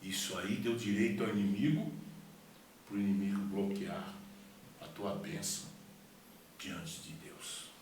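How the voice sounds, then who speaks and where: A man voicing a hushed divine voice. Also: low-pitched, measured pace, pauses often, very echoey, far from the mic, slight background noise, low-quality recording. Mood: solemn. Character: solemn divine male voice speaking inwardly.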